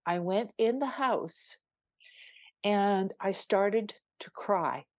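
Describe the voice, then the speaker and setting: A woman's voice: mid-range voice, a little mellow, dry recording. Earnest woman spiritual coach, dry sound. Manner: earnest and emphatic, with many restarts. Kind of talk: podcast guest storytelling.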